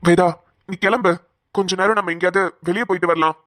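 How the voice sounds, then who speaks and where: A woman voicing a young husband in a cartoon, coaxing and calming his upset wife. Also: lowish voice, fast talker, dry recording, clean studio sound, lightly acted. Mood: soothing. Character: young husband, patient and soothing. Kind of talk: Tamil cartoon drama voice acting.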